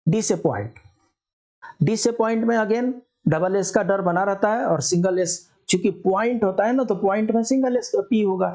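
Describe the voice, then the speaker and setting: A teacher gives a spelling lesson to exam students, explaining step by step and answering their own questions. The voice is medium in pitch and a little mellow.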